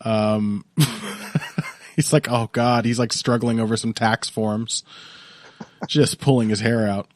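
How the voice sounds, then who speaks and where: A man's voice: mid-range voice, steady tone, takes it slowly, pauses often, a little mellow, dry recording. A young man with a sick, congested voice, co-hosting a casual podcast, rambling and swearing often. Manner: rambling, profane, laughs often. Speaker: podcast co-host.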